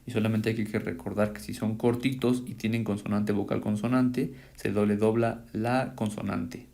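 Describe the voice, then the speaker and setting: A man's voice: on the low side, level tone, normal speed, creaky, warm tone. A man, a teacher patiently reviewing homework and explaining English grammar rules to students. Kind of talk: reviewing homework in a recorded lesson.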